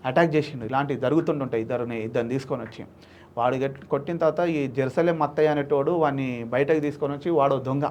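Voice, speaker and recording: A man, telling an emotional story in an interview, animated and acting out the voices of people he quotes. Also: mid-range voice, quick pace, slight background noise. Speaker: social activist guest.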